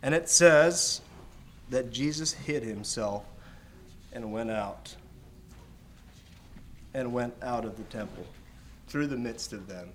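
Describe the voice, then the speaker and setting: A man preaching a sermon in a church, explaining Scripture slowly with emphatic repetition. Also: medium pitch, a bit bright, a little hiss or hum.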